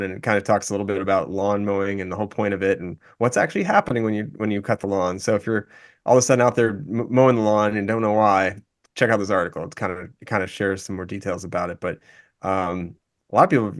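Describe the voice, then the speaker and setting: A man's voice: fairly low pitch, fast. A man hosting a podcast in casual chat, rambling through restarts and fillers. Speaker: podcast host.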